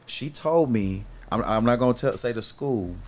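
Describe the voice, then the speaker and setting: A man's voice: medium pitch, expressive, moderate pace, darkish tone. A middle-aged man hosting a podcast in a casual, earnest way, often stopping to restart and calling his guest "bro". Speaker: podcast host. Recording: faint background noise.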